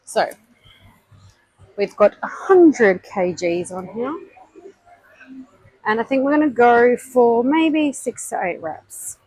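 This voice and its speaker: Breathy woman counting gym reps. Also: on the high side, animated, takes it slowly, long pauses, darkish tone, no echo, low-quality recording. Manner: counts reps aloud and explains technique between sets. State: out of breath between sets. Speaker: fitness vlogger. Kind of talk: casual workout vlog with coaching tips. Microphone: clip-on mic worn on body.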